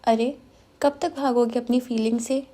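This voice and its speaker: A playful young man who teases and prods his friend, as a woman narrator puts him on. The voice is high and mellow. He talks in a lively, joking way. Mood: teasing. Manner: teasing, playful.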